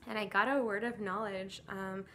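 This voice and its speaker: Woman, 30s, earnest spoken testimony to a phone camera; slight vocal fry, faint background hiss. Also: medium pitch, steady tone, moderate pace, pushed and bright. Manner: earnest and emotional, with frequent fillers and laughs. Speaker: church volunteer sharing a testimony. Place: indoors against a plain grey wall.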